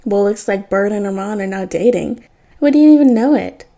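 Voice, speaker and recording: A woman's voice: medium pitch, expressive, moderate pace, warm tone, natural voice. A woman reading fan fiction aloud, voicing a jumpy, joking young male speedster.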